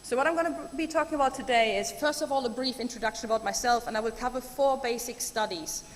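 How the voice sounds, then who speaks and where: This is a German woman giving a keynote speech, fast-talking with a voice on the high side. She comes across as chatty and excited, ums sprinkled throughout, while the large hall adds reverb and faint background noise.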